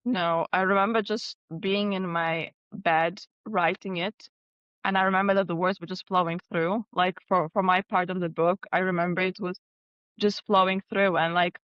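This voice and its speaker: A woman's voice: fairly low pitch, no room sound, lo-fi sound. Laughing Lithuanian-born woman guest. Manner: warm, laughs often, flowing with fillers like "like". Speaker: guest, co-author. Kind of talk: casual podcast chat.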